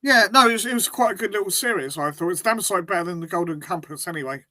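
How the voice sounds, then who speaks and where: A man's voice: high-pitched, expressive, fast, bright, forceful tone, no echo, studio quality. A young man in casual chat on a livestream call, giving brief, easygoing replies.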